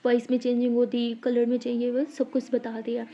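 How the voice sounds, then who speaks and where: A woman's voice: fairly high pitch, completely flat delivery, brisk, warm tone, lightly acted. Diya, a woman voicing a blunt college girl. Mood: blunt, explaining. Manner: blunt, matter-of-fact. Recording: slightly dull lo-fi audio.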